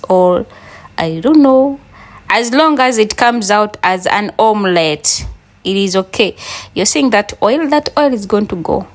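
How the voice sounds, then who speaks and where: A woman from Uganda with a Ugandan accent, chatting to her viewers as she cooks breakfast in a casual vlog. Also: mid-range voice. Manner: chatty, talks to viewers while cooking. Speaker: cooking vlogger.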